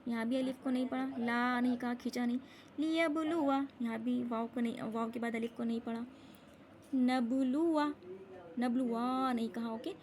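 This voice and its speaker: A woman teaching Quran reading in a recorded lesson, explaining quickly and then reciting each word slowly and drawn out. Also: a little high, completely flat delivery, a little mellow, a little hiss or hum.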